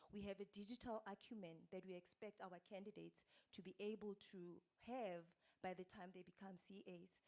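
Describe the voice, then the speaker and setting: A woman speaks as a panelist, explaining at a measured pace with a few restarts. Her voice sits in an ordinary middle pitch. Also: a little mellow. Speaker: panelist from an accounting body. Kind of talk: panel discussion.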